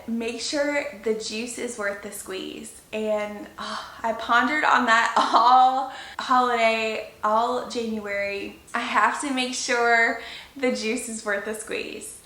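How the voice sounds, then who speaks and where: An American woman in her thirties speaking in an emotional, confiding, halting way, as in a casual personal vlog update. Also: a little high, bright, forceful tone. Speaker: content creator, channel host. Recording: roomy echo.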